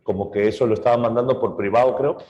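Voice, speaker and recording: A man teaching literature, retelling a myth in an animated way and acting out its characters. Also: mid-range voice, fast talker, lo-fi sound. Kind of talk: storytelling lesson. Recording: roomy echo.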